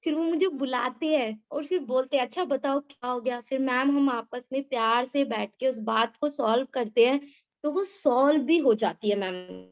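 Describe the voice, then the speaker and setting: A woman with a high-pitched voice eagerly shares her personal experience on a video call as a participant, talking nonstop at normal speed and addressing the host as ma'am. The sound is lo-fi.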